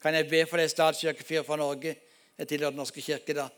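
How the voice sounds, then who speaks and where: Male pastor, high voice, emphatic storytelling preacher. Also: little pitch movement, fairly bright tone, smooth. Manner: storytelling, emphatic, addresses congregation as folks. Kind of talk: sermon testimony.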